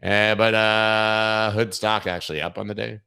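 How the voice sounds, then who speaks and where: A man with a very deep, low voice that sounds worn out and tired. He hosts a casual crypto livestream in an irreverent, joking way and swears freely as he walks through the charts. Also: flat delivery, unhurried, creaky, bright, forceful tone, clear, resonant tone. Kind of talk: casual market commentary.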